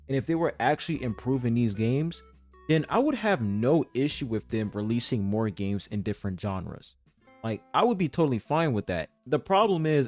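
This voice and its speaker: A man's voice: mid-range voice, darkish tone. Exasperated gaming commentator, a man. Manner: exasperated, swears and stutters, talks to viewers as "guys". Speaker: gaming commentator reacting to a video. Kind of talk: casual reaction commentary.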